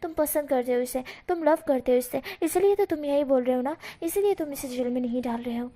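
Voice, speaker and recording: A woman voicing a furious, jealous young man who shouts insults and repeats words in anger, in a storybook reading. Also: high-pitched, a little fast, lightly acted. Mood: accusing.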